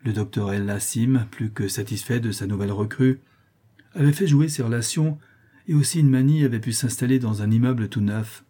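A man narrating an audiobook in a measured, even reading. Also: mid-range voice, husky. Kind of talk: scripted narration.

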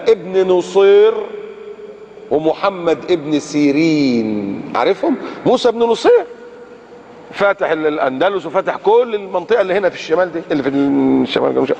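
A man preaching with an Egyptian Arabic accent, dramatic, asking rhetorical questions and swinging from loud highs to low murmurs. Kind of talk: sermon. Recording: long hall reverb, faint background noise.

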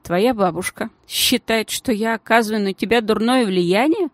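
Женщина озвучивает в аудиокниге вспыльчивую девочку лет двенадцати с писклявым голосом. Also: female voice, no room sound, natural voice. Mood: wry. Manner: squeaky, quick to flare up. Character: excitable schoolgirl of about twelve.

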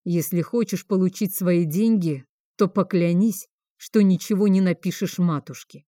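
A hoarse, drunken house master, wild with grief and quick to rage, as a woman reading an audiobook plays him. His voice sits low and mellow. The recording is close and dry. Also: no echo, close to an everyday voice. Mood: menacing. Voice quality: hoarse from drink. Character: grieving drunken male house master, volatile.

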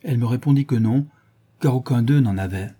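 A man's voice: medium pitch, a little fast, mellow, slightly rough, natural voice. A man voicing a polite, moody young dandy who answers with light, smiling replies. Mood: teasing.

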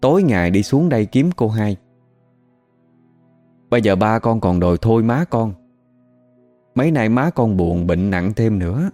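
A man's voice: fairly low pitch, lively intonation, normal speed, pauses often, dark tone, soft background music, close to an everyday voice. A man with a Southern Vietnamese accent quoting a grown son who humbly begs for help for his sick mother. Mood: pleading. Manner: humble, begging.

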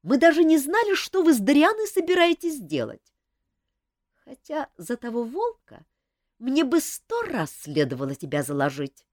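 A woman reading the part of a brisk, quick-witted young court lady in an audiobook. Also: sits high, huge pitch swings, darkish tone, dry recording, studio quality, voice pushed up. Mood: incredulous.

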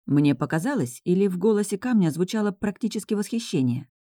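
A woman reads a first-person novel aloud, voicing the story expressively. Her tone is dark and mellow, and the recording is close and dry with no room sound. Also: mid-range voice, lively intonation, brisk, no room sound. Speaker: audiobook narrator. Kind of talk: first-person audiobook narration.

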